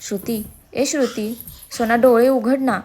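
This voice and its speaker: A woman's voice: fairly high pitch, fairly even intonation, a little slow, a little mellow, slight background noise, natural voice. A woman voicing a distraught young husband and new father in a read-aloud story, talking in a pleading, tearful way. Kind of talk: storybook narration.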